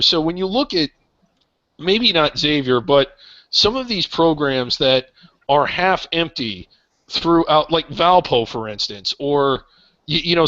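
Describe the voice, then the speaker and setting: A man with a bright, fairly high voice leads a roundtable sports discussion, rambling and restarting as he thinks aloud. The sound is dry and a little muffled, with a lo-fi edge. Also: dry recording.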